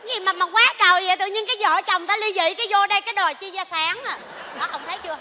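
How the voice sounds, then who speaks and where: An actress playing a sharp-tongued wife who fires back combative retorts at her husband in a stage comedy sketch. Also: very high-pitched, very fast, long reverb tail, some chatter behind, slight background noise. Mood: bickering.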